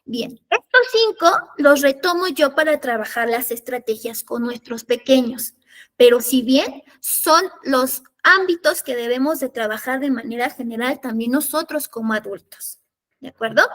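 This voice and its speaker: Woman, high register, parenting workshop leader, explanatory tone with frequent check-ins. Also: animated, normal speed, a bit bright. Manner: explanatory, checks in with listeners through tag questions. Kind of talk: workshop lecture.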